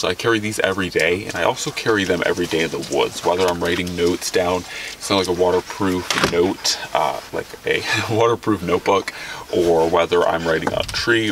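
A young adult outdoors vlogger from Alaska, with a low voice, casually goes through his outdoor gear from the back of a vehicle. He rambles and corrects himself, clearly enthusiastic about the equipment. The camera sits a few feet away, so the mic sounds distant and background noise is clear.

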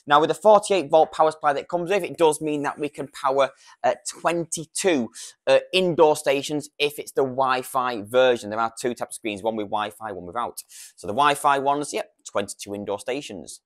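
This British man, in his thirties, talks at a moderate pace with a medium-pitched voice. Wearing a lapel microphone, he gives a casual, practical product demonstration, explaining each step in turn.

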